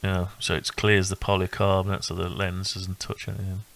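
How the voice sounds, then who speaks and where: This is a casual, unscripted project walkthrough by an electronics hobbyist showing off something he built. He has a low, fry-heavy male voice, very even intonation, and a halting, rambling way of thinking out loud.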